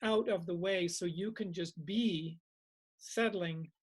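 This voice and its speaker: A man's voice: sits high, takes it slowly, husky. Male meditation teacher, informal and reflective, leaning on repetition for emphasis. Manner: reflective, repeats phrases for emphasis.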